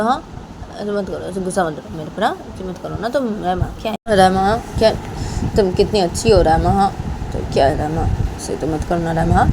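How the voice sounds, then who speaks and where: A woman voicing a defensive young woman who pleads and coaxes her lover in a high, whiny voice, repeating "kya hai?". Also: noisy background, natural voice.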